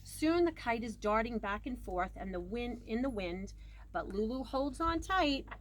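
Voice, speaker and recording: Reading a children's picture book as a storyteller, a woman with a voice on the high side goes a little slowly, emphasizing important words and varying her dynamics expressively. You can clearly hear background noise.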